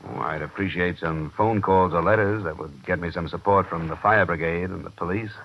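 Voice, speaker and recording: In a vintage 1950s radio detective series, the male lead plays a tough, world-weary American insurance investigator, delivering first-person narration and dialogue in a clipped, matter-of-fact, businesslike way. His voice is low-pitched and steady, a little fast. The recording is muffled, with music and a little hiss or hum.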